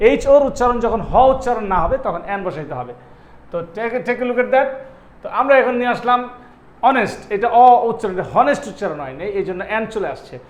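A man's voice: sits high, echoey room. A man teaching English in Bengali, saying each English phrase again and again and giving its meaning. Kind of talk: spoken-English lesson in Bengali.

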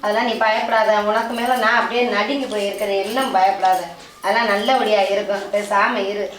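A woman's voice: mid-range voice, fairly even intonation, brisk, slight background noise, close to an everyday voice. A middle-aged woman with a Ramnad Tamil accent playing an anxious, fussing mother-in-law who frets and soothes by turns. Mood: worried, soothing. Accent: southern Tamil, Ramnad. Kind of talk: amateur family drama. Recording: echoey room, mic far off.

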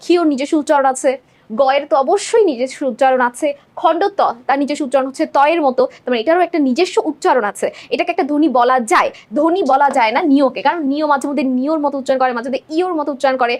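A young woman teacher explaining exam multiple-choice answers step by step, often checking in with her students. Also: high voice. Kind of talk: exam-prep lesson walking through multiple-choice answers.

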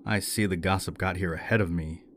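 A man voicing a brash, quarrelsome drunken young man who talks loudly and slurs his words. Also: sits low, fairly even intonation, brisk, a little hiss or hum. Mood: belligerent. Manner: loud, belligerent, slurring when drunk.

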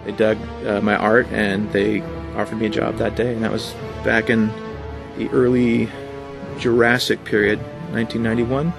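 A man with a rather low voice answers interview questions casually, rambling through anecdotes with plenty of fillers and little acted-out quotes. Faint music sits underneath. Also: moderate pace, gravelly. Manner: rambling, animated storyteller with many fillers. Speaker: guest, art director.

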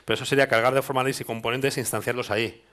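A Spanish man in his thirties with a Spanish accent gives a technical meetup talk in a dark hall before an audience, thinking aloud with restarts and tag questions. His mid-range voice is fairly bright and fairly even in intonation, and he speaks at a racing pace.

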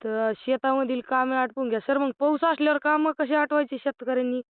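A man's voice: very high voice, flat delivery, fairly quick, clean tone, no echo. A man calling in over a phone line, asking polite, persistent questions. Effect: caller heard over a phone line. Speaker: caller. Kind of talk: phone call to a weather expert. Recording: tinny, dry phone line.

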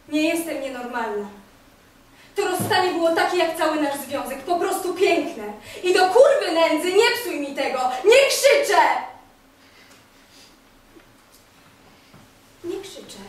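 An actress playing a bitter, volatile jilted young woman on stage, sarcastic and veering between hushed and shouted lines. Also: high voice, a little hiss or hum. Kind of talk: stage monologue. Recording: very echoey, from far off.

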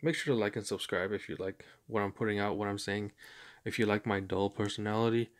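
A man talking casually and hesitantly about his collection, in a flat, monotone way with many pauses and fillers. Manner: low-key, hesitant, many ums. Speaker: YouTube card collector. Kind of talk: casual chat.

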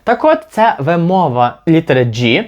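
A man from Ukraine teaching an English lesson, patiently repeating example words slowly to demonstrate them. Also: on the high side, big pitch swings, dull audio. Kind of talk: language lesson.

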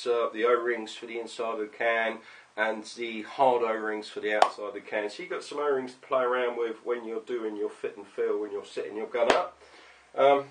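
A man's voice: mid-range voice, far from the mic. A man casually showing and explaining parts, talking straight to his customers. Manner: chatty, addresses customers directly with "okay?" and "mate". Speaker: paintball tech vlogger. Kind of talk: casual show-and-tell to camera.

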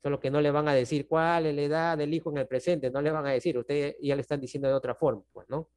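A man's voice: on the high side, steady tone, fast, darkish tone, smooth. A man teaching a math class over a video call, with a Peruvian Spanish accent. He explains patiently and keeps checking in with the class. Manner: patient, checks in often with "¿no?" and "¿está bien?".

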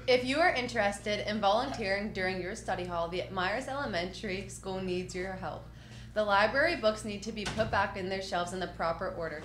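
A teenage girl reading the school's morning announcements over the intercom in a steady, clear way, with a brief giggle now and then. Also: mid-range voice, fairly quick, reverberant, slight background noise.

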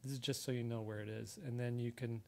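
A man's voice: medium pitch, little pitch movement, fast talker, gravelly, mellow, a little hiss or hum. An American man giving a casual live drawing tutorial step by step, his voice heard in one ear only. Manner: explains step by step while sketching. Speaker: drawing instructor, artist. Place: indoor room, live stream at desk. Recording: sound in left ear only.

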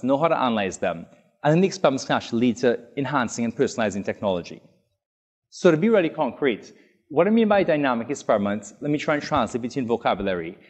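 A man's voice: medium pitch, a little mellow. A man in his thirties from Trinidad and Tobago, giving an academic talk in a lecture room, enthusiastic with frequent ums and likes. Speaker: academic speaker.

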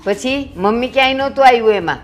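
An actress playing a middle-aged, sharp-tongued mother-in-law who bluntly scolds and mocks her son-in-law. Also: a little high, fast, faint music behind, lightly acted. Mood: scolding.

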